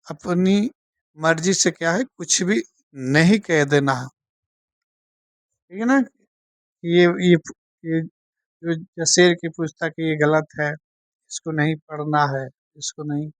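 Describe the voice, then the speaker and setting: A woman teaching a Bible study, speaking slowly and checking in with her listeners after almost every point. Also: low-pitched, no echo, clean studio sound. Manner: slow, keeps asking "theek hai na?".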